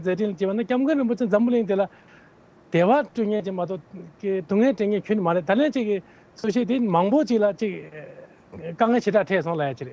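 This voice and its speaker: Brief: male candidate, high-pitched, earnest and explanatory, dull lo-fi sound. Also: darkish tone. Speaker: political candidate interviewed as guest. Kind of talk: answering interview questions at length.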